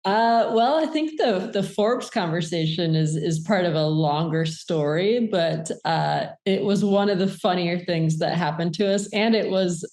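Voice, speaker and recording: A woman's voice: lowish voice, measured pace, hardly any pauses, a little mellow. A woman being interviewed as a guest author, talking conversationally with fillers like "um" and "like".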